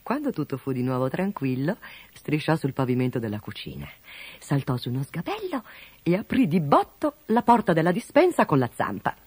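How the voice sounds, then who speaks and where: A storyteller reading a children's fable aloud in an expressive, animated way. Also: mid-range voice, moderate pace, slightly rough, no room sound. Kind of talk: scripted storybook narration.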